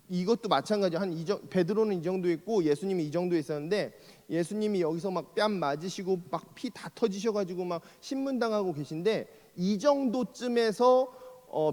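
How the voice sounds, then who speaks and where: A man with a fairly high voice preaches in a church, his words ringing with a long hall reverb. He delivers the sermon like a story, lively and conversational, slipping into the quoted lines as if acting them. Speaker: pastor. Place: church sanctuary.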